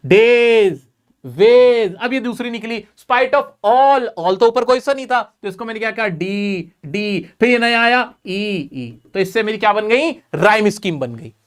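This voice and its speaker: A man's voice: extremely high pitch, clean tone. A man teaching an exam-prep class, repeating key points and quizzing his students.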